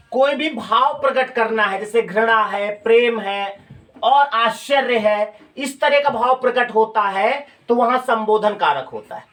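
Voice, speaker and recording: A man's voice: very high-pitched, a bit bright. A male teacher giving a grammar lecture, explaining step by step and asking students questions. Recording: voice from a distance off the mic.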